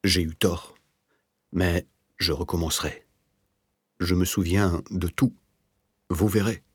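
A feverish old clerk near death, as a man reads him, speaking in a hollow, fevered voice. The tone sits extremely low and husky, with a dry, close sound. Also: fairly even intonation, slow pace, no echo, full character voice. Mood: weak. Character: feverish dying old male clerk, obsessive.

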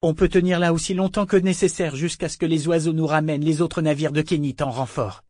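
A man's voice: on the high side, steady tone, a little fast, darkish tone, dry recording, clean studio sound, voice pushed up, close to an everyday voice. A man reading aloud voices a young woman sailor, urgent and determined, in a pressing, pleading tone.

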